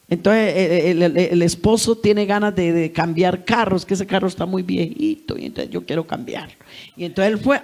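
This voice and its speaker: A woman's voice: medium pitch, darkish tone. A middle-aged woman preaching a sermon in a folksy way, acting out little scenes from family life. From Colombia.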